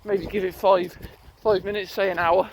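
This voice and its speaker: A British man with a fairly high voice chats to his vlog while running. He rambles and hesitates, thinking out loud in a casual, unscripted way. The handheld outdoor recording is clearly noisy. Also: little pitch movement, normal speed. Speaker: running vlogger. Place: outdoors on a rural riverside footpath. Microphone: handheld phone or recorder on the move.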